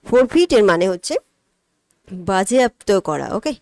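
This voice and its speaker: A woman teaching an English exam-prep lesson. She explains each answer step by step, poses questions and answers them herself, and reads the English items slowly. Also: mid-range voice, big pitch swings, creaky, a little mellow, no room sound.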